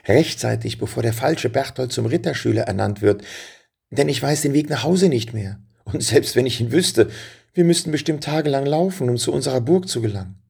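An eager, warm-hearted boy prince in a storybook, put on by a man reading aloud. He talks quickly and sounds raised and excited, and a husky, gravelly grain runs through it. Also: medium pitch, pitched above the performer's own voice, exaggerated voice. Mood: worried.

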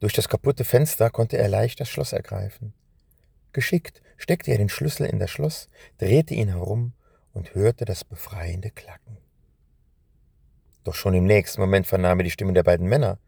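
A man narrating a scripted children's story in a calm, measured telling. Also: on the low side, gravelly, breathy edge, dry recording, clean studio sound.

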